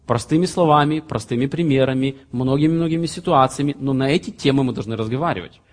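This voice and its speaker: A man's voice: mid-range voice, fast talker. Earnest man in his thirties preaching. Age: 30s. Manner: earnest, reads scripture aloud then explains in plain examples. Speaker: pastor. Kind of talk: sermon.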